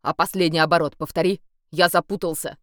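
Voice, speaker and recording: A cheerful, swaggering young male vampire, dreamy and pushy as he courts a girl, acted out by a woman narrator. The audiobook voice is smooth and clear. It sits dry and close to the mic. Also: on the low side, steady tone, a little fast, dry recording, natural voice. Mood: amused.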